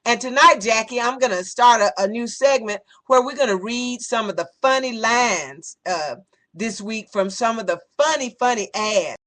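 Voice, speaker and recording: A woman's voice: on the high side, moderate pace, fairly bright tone. A woman hosting an exuberant live talk show in a campy, flamboyant, theatrical manner, drawing out her endearments. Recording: music and crowd noise behind. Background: music and cheering audience.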